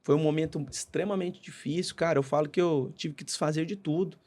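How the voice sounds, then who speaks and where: A man's voice: on the high side, steady tone, brisk, a little mellow. A man from Brazil, a guest on a casual podcast, telling his story earnestly and peppering it with "cara" and "né". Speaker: podcast guest, consórcio entrepreneur.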